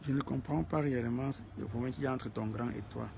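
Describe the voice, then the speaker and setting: A man's voice: medium pitch, steady tone, fast talker, gravelly, background noise. A man hosting a casual live stream, greeting viewers by name and repeating phrases for emphasis.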